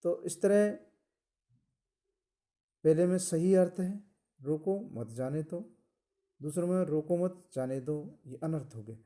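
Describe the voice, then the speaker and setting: Male lecturer, unhurried and methodical, deep mellow tone, a teaching cadence that repeats key points. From India. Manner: slow, deliberate, explanatory, repeats phrases. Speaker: college lecturer. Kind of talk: recorded lecture.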